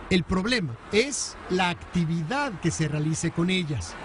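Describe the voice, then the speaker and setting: Male correspondent, middle-aged, high voice, crisp formal newsroom read, slight hiss. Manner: brisk, formal newscaster delivery. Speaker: news correspondent. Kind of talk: news report and voice-over. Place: newsroom studio.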